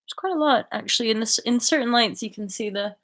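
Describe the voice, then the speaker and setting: A woman in her thirties hosting a casual live chat from a bedroom, chatty and animated, full of likes and restarts, heard through a webcam mic. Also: on the high side, quick pace. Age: 30s. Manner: animated, gestures a lot, laughs often. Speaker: livestream host. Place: bedroom indoors. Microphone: webcam at desk distance.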